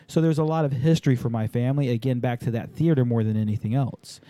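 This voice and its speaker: A man hosting a casual podcast, upbeat and brisk as he steers the talk. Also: mid-range voice, steady tone, dark tone, no echo. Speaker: podcast host.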